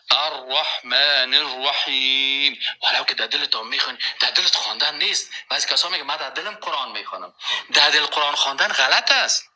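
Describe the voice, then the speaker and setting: A man giving a religious lecture as a preacher, slowly reciting verses and then rising into emphatic, insistent points. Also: high voice, pushed and bright, low-quality recording.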